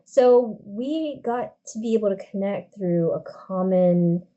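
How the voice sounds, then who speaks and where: A woman's voice: medium pitch, takes it slowly, warm tone, muffled recording. A woman interviewing a guest over a video call, talking casually and hesitantly as she searches for words.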